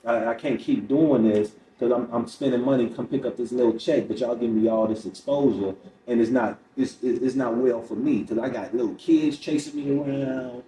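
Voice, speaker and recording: A middle-aged comedian, a guest on a podcast, talks candidly, telling stories and quoting people along the way. His medium-pitched voice is mellow and brisk, with hardly any pauses. The room echoes, the mic is distant, and faint noise is present.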